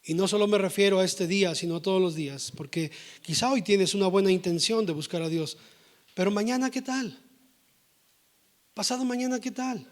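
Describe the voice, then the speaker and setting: A man preaching a sermon to a congregation, often checking in with a quick "¿sí?" and moving between emphatic lines and hushed asides. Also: high voice. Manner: keeps asking the congregation "¿sí?" for agreement.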